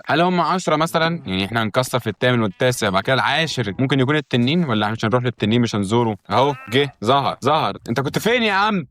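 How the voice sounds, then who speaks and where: Egyptian guy riffing fast while he plays, jokey and rambly, super dry close mic sound. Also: mid-range voice, fairly bright tone, dry recording. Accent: Egyptian Arabic. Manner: joking, rambling, talks to viewers. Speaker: gaming YouTuber. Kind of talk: casual let's-play commentary.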